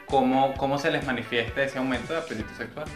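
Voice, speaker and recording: A man hosting a casual chat, talking fast and asking questions. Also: mid-range voice, fairly even intonation, reverberant, soft background music. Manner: fast, chatty, asks questions. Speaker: podcast host.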